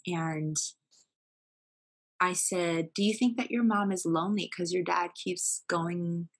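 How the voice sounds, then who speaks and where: A woman's voice: fairly low pitch, fairly even intonation, takes it slowly. A young woman as a podcast guest, earnestly telling a personal family story with fillers and restarts.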